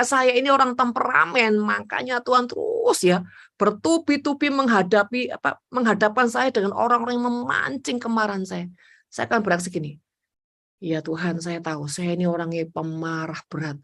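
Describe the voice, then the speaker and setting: Woman preacher, bright higher voice, punchy animated sermon, acts out prayers. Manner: emphatic, animated preaching with acted prayers to God. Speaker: evangelist preacher.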